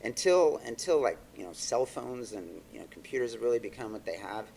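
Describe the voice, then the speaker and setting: Expressive, brisk and creaky, this man's mid-range voice has a darkish tone, with slight background noise behind it. He's a Texan in his thirties with only a faint trace of accent left, a record label owner and artist manager chatting loosely on a podcast with lots of fillers and restarts.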